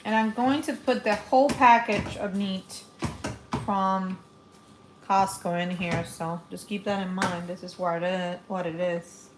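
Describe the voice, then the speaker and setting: A woman in her forties from the Dominican Republic runs a casual live cooking stream in her home kitchen, chatting with her audience as she works. She speaks unhurriedly in a steady, mid-range voice, against an echoey room and a noisy background.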